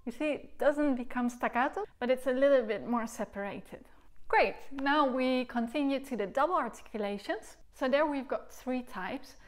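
Seated on a sofa in a living room, a Dutch recorder teacher in her thirties leads a demonstration lesson in a high voice at moderate speed. Patiently, she breaks down articulation, sounding out each syllable and using her hands to show it.

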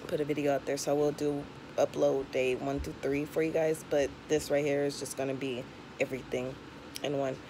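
This young woman's deep voice carries a slight lisp from her tongue piercing as she chats frankly in a casual vlog, giving conversational advice to the camera. It's a home recording on a camera or phone at arm's length, with clear background noise.

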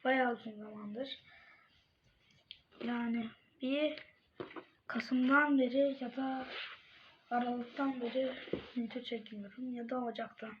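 A woman with a fairly high voice talks casually to her viewers in a relaxed ASMR-like way. She murmurs softly, often sinking toward a whisper. The recording is dull and lo-fi, with faint noise behind her. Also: slow, long pauses. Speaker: video creator talking to viewers. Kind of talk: casual vlog chat while playing with slime, ASMR-like.

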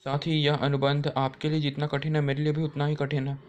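A man's voice: on the high side, completely flat delivery, a little fast, dull audio, lightly acted. A man reading the lines of a stubborn young woman in his own voice, with no acting. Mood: defiant.

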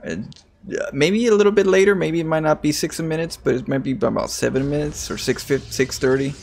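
A man's voice: fairly high pitch, brisk, gravelly, a little mellow. A man casting a live strategy game match, breaking down builds analytically and joking with his co-caster. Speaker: esports caster.

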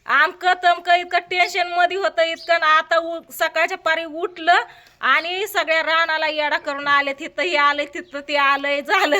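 A middle-aged woman, chatting lively and directly to her viewers in a family vlog. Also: very high voice, measured pace. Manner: lively, talks straight to viewers. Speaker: vlogger.

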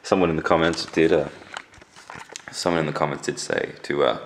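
A young adult man with a swollen, sore jaw, rambling casually and deadpan to a handheld camera at home. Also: a bass voice, fairly quick, slight background noise. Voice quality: gravelly, creaky voice. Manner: deadpan, dryly joking. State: swollen, sore jaw after wisdom teeth removal. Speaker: vlogger. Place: indoors at home. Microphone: handheld camera at arm's length.

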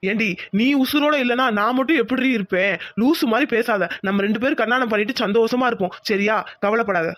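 A woman's voice: on the high side, a little fast, no echo, natural voice. A woman voicing a devoted young village man in a cartoon, reassuring his sweetheart. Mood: tender. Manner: coaxing, reassuring.

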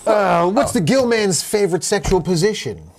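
A man's voice: sits high, expressive, moderate pace, gravelly, slight background noise. A middle-aged man telling a dad joke, question first and then the punchline. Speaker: joke challenge contestant. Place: small dark studio room, seated at a table.

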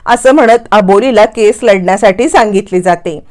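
A woman's voice: mid-range voice, normal speed, a little mellow. A woman retelling a TV serial episode, acting out the characters' lines as she goes. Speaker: narrator.

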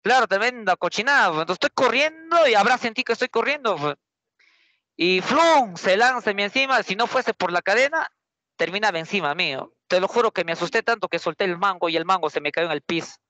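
A man's voice: high-pitched, brisk, no room sound. A young adult male teacher with a Peruvian accent, telling a story to his class in a chatty way and often turning to quiz his students. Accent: Peruvian Spanish. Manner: lively, chatty, keeps quizzing students with rhetorical questions.

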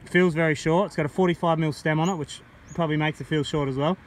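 A man's voice: a little high, fast talker. Chatty man reviewing a mountain bike. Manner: relaxed and chatty, gets excited while riding. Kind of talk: casual ride-along bike review. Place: outdoors on a bush bike trail. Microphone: helmet or bike-mounted action camera. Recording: faint wind noise on the mic.

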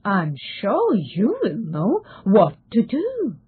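A woman's voice: mid-range voice, huge pitch swings, takes it slowly, breathy edge, heavily acted. A woman voicing a grave inner voice of conscience that questions a young man sternly. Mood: calm. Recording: tinny phone-like sound.

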